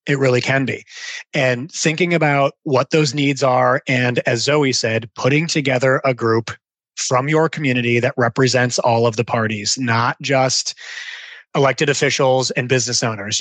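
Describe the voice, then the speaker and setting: A man speaking as a guest over a remote connection, his level jumping and dipping as the audio drops out. The sound is dry and close, with no room around it. He reasons out loud, restarting sentences and stringing examples together. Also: medium pitch, normal speed, no room sound. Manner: thinks aloud, restarts and lists examples. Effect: call audio cutting out, uneven volume. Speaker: guest expert on rural transportation planning. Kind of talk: remote podcast interview, explaining at length. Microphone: remote call connection.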